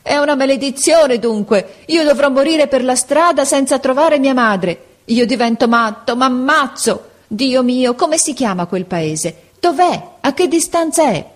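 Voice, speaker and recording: Woman doing a young boy, high and teary, begging hard, storybook reading. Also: big pitch swings, moderate pace, darkish tone. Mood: desperate. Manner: pleading, tearful, urgent. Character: desperate pleading young Italian boy.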